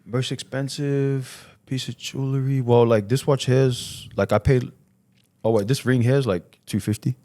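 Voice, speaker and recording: In a casual podcast chat, a Fijian entrepreneur guest speaks slangily and informally, repeatedly saying "man" and "you know". He has a mellow, medium-pitched voice with fairly even intonation and normal speed, recorded without room sound.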